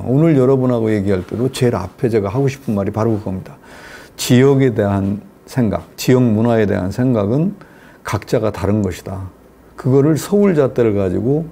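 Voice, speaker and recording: A man's voice: fairly low pitch, creaky, dark tone. An older man giving a public lecture in a lecture hall. He talks in a chatty way, telling jokes and putting questions to the audience.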